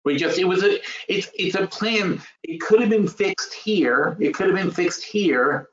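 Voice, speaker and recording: Here a high, animated male voice moves at a measured pace with a slightly bright tone. The speaker, a 55-year-old trading educator hosting a webinar, explains finance informally and emphatically, musing aloud, repeating himself and throwing out rhetorical questions. Sound quality is lo-fi, dull and roomy.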